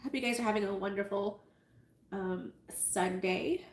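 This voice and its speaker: A woman hosts a casual live sewing tutorial, greeting viewers in a chatty, self-amused way. Her stuffy, nasal voice is mid-range with fairly even intonation and an unhurried pace. The room is echoey, with faint noise.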